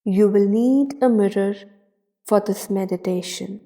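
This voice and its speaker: In a mellow mid-range voice, a woman narrates a guided meditation. Short phrases come slowly and soothingly, each followed by a long pause.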